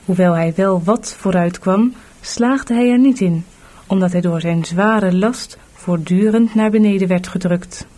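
A woman narrating a storybook audiobook in a measured, clear reading. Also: mid-range voice, warm tone.

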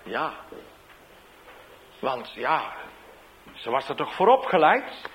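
A man, a street evangelist, tells a testimony in an animated storytelling way, swinging between loud bursts and hushed asides. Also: mid-range voice, takes it slowly, a little hiss or hum, rough recording.

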